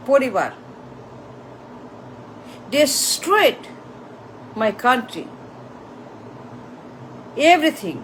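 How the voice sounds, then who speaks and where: High-pitched woman going on a mocking political rant, slow and drawn out, faint hiss behind. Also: a bit bright, low-quality recording. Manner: repetitive, mocking, mixing in English phrases. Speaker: political commentator.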